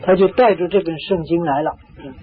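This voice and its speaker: A man delivers a storytelling sermon in a high voice, leaning on repetition and a steady stream of drawn-out "ah"s. The sound is thin and phone-like, with a faint hiss underneath. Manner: repetitive, emphatic, frequent drawn-out "ah" fillers. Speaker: preacher. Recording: tinny phone-like lo-fi recording.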